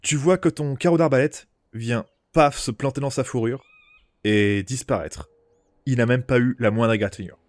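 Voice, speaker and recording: A man's voice: medium pitch, moderate pace, no echo. A man narrating a tabletop role-playing game as game master, informal, feeling for his words and throwing in little sound-effect words.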